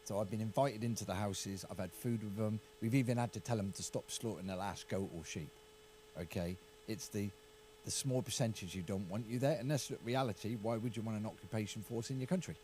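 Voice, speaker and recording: Speaking in a lowish, a little mellow voice over slight background noise, a middle-aged English county councillor with an English accent hedges and repeats words as he haltingly discusses politics.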